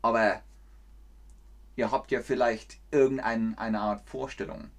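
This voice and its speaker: A man from northern Germany, speaking with a northern German accent, teaches a playful livestreamed language lesson, acting out insults in sudden loud bursts. His voice is mid-range, with fairly even intonation and a measured pace.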